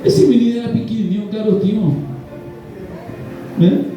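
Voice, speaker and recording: Chatty Brazilian pastor in an echoey hall. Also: male voice, high voice, normal speed, mellow, soft background music. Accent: Brazilian Portuguese. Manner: jokey, chatty, laughs often. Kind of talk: casual church talk. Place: church hall. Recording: echoey hall, mic from far off.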